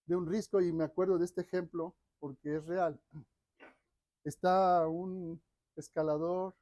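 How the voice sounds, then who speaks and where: A preacher with a high, dark-toned voice delivers a sermon with dramatic swings between loud urging and near-hushed lines. The sound is dry and close, with no room echo. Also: male voice.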